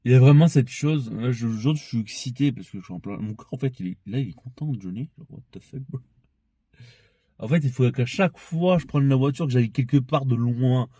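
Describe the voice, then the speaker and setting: A man's voice: medium pitch, brisk, mellow, dry recording, studio quality. A young man talking in a casual, rambling monologue that is full of swearing and laughter, and that sometimes turns into heated ranting. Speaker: vlogger.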